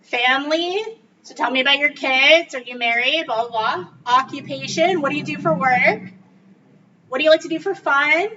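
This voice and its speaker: A woman's voice: sits high, normal speed, pushed and bright. A woman trainer giving an upbeat, casual coaching talk to a group in a meeting room. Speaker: real estate trainer. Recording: distant, dull mic with faint noise.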